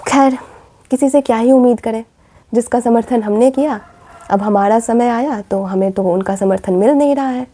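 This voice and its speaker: Woman vlogger, high mellow voice, impassioned talk and rhetorical questions. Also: normal speed. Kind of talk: earnest commentary vlog.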